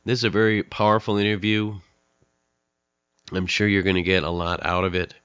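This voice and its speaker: Man, middle-aged, podcast host, nasal from a cold, very low voice, smooth, dry close sound. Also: steady tone, a bit bright, dry recording, highs cut off. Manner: earnest, candid, pauses with fillers. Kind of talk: podcast monologue introducing a guest.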